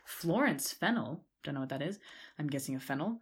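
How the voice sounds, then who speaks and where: Casual woman podcaster, low-ish voice, loose rambly chat. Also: a little fast. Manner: relaxed, rambling, lots of fillers. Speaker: podcast co-host.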